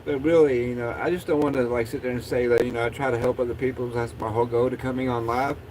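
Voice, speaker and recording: A man's voice: medium pitch, steady tone, quick pace, a little mellow, slight background noise, rough recording. A man chatting casually as a livestream host in a laid-back, rambling stoner drawl.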